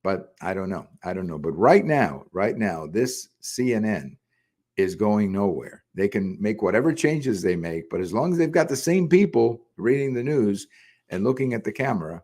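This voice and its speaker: Older male host, low-pitched, rambling solo opinion monologue with plenty of restarts. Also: animated, normal speed, a little mellow. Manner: conversational, frequent "uh" and restarts. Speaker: podcast host. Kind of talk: solo political commentary.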